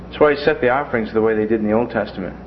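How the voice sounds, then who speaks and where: This Bible teacher has a lowish voice and races through his lesson, delivering it in a classroom with folksy charm and joking asides. Beneath him runs a faint hiss on a dull, lo-fi recording.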